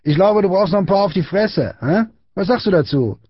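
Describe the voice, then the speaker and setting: A man voicing a big bullying schoolboy who shouts and taunts aggressively, in an audiobook reading. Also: high-pitched, animated, a little fast, no room sound, muffled recording, pitched above the performer's own voice. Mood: taunting.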